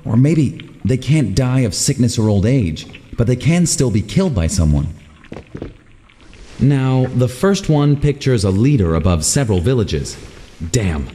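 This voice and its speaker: A game explorer in old ruins, talks to himself working out clues, lively up and down voice, long reverb. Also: male voice, medium pitch, a little slow. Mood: puzzled. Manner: muses aloud, puzzling over clues. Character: curious male explorer in ancient ruins with his dog. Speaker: game protagonist. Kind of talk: video game voice acting.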